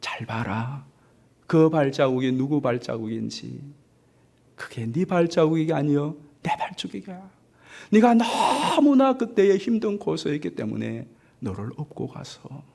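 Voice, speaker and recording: A man preaching, voicing Jesus as gentle and calm, speaking softly and reassuringly. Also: a little high, a little slow, gravelly, heavily acted. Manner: soft, hushed, reassuring.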